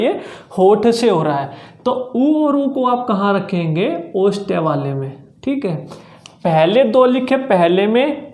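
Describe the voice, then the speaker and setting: A teacher giving an exam-prep grammar lesson, drilling slowly and sounding out each letter aloud to demonstrate. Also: mid-range voice, a little mellow. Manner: slow, repetitive drilling with frequent "ठीक है" checks. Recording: roomy echo.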